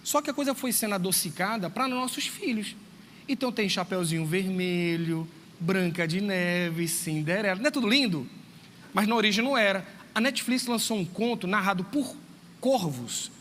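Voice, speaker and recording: Lively male speaker with a high voice. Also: normal speed. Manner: lively storytelling, acts out dialogue, addresses listeners directly. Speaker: teacher speaking to parents. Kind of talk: church talk to parents. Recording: long reverb, faint background noise.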